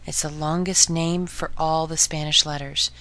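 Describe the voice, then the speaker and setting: A woman hosting a podcast lesson on Spanish pronunciation, modeling each sound slowly and clearly for listeners to repeat. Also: low-pitched, flat delivery, sharp tone. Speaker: Spanish teacher.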